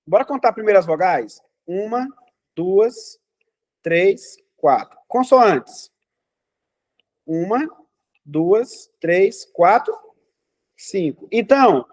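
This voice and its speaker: A man's voice: sits high, a little mellow. A man teaching a math class in a classroom, talking students through problems and asking them questions.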